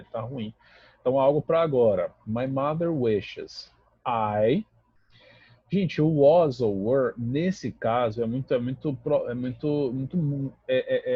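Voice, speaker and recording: A man's voice: medium pitch, breathy edge, no room sound, muffled recording. A Brazilian man, a native Portuguese speaker, teaching an English grammar lesson in a patient, explanatory way that keeps checking in with the class.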